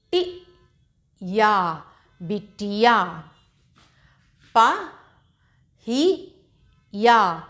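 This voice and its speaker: Woman teacher, slow and deliberate, higher voice, spells out syllables one at a time, encouraging. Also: a bit bright. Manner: sounds out syllables one by one, then blends them into words; encouraging, asks the learners questions. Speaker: Hindi reading teacher. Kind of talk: slow, patient spelling-out lesson.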